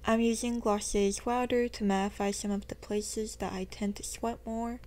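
A woman's voice: medium pitch, steady tone, moderate pace, darkish tone. A young woman narrating her makeup tutorial in a chatty, self-deprecating voice-over, her sentences often rising at the end. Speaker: beauty vlogger.

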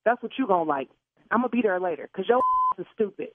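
A woman's voice: medium pitch, expressive, fast talker, a little hiss or hum. A woman on a phone call, outraged and cursing. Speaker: prank call target. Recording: tinny phone line.

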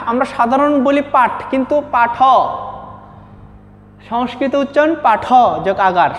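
Male teacher, high voice, steps through slides, repeats words slowly, long reverb on the track. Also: a bit bright. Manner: asks questions and answers them himself, repeats words slowly. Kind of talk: classroom lesson over slides. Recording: dull reverberant recording.

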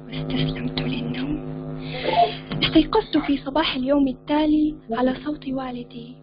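A woman reading her own short story aloud in an emotive, expressive literary style. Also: high-pitched, fast. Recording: dull lo-fi recording with music. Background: music.

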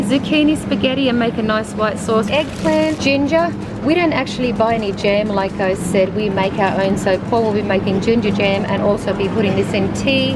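A middle-aged woman, chatting as she walks through a large supermarket and explains each item. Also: a little high. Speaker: vlogger mother. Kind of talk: casual shopping vlog. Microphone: handheld camera. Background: background music.

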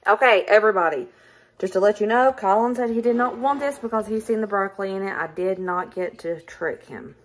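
A woman's voice: mid-range voice, a little fast. Chatty Southern woman cooking at home. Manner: chatty, upbeat, narrates while cooking. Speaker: vlogger. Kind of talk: casual cooking vlog. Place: home kitchen, indoors.

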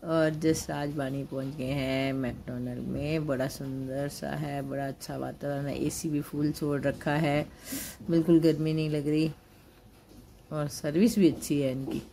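Filming on a handheld phone in a crowded indoor mall, a grandmother vlogger casually and homely narrates her family's outing. She speaks a little slowly in a low, level, creaky and mellow voice, and there's a faint hiss or hum.

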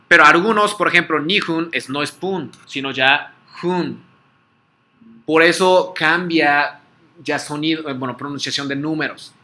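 A man teaches a class, pausing often to check that his students follow. His voice is fairly high for a man and sounds bright and sharp. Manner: patient, repeats words for students to echo, frequent "¿sí?" checks. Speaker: Japanese language teacher. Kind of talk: online class drill, call and repeat.

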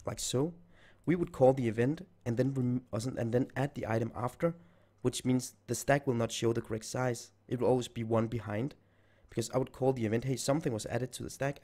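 Barely pausing, a man talks a little fast in a dark, mid-range voice he's close to losing. As a programming tutor, he thinks aloud while typing code in a screen-recorded coding tutorial.

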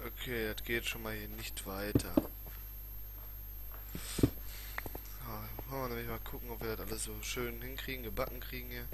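A man's voice: medium pitch, steady tone, normal speed, pauses often. A man giving casual gameplay commentary as a let's player, muttering and grumbling in colloquial exclamations. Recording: clearly noisy home recording with clicks.

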